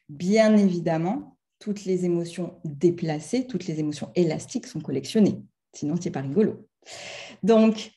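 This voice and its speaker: Animated French woman giving a talk. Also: medium pitch. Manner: animated, acts out little scenes in different voices; chatty, addresses the audience directly. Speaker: speaker giving a talk on emotions. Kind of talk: lively live talk to an audience. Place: conference room with a live audience.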